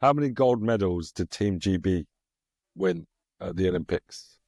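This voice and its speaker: Deep-voiced man hosting a quiz. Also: expressive, moderate pace, darkish tone, dry recording. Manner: asks quiz questions, laughs easily. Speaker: podcast host running a quiz. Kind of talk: casual chat.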